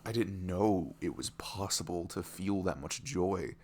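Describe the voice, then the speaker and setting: In this intimate ASMR roleplay, a male performer plays a smitten, vulnerable young neurodivergent boyfriend meeting his online love. He muses haltingly in a low, creaky voice that often softens toward a whisper, tender and reflective, peppered with "you know" and soft chuckles. Slight background noise is present.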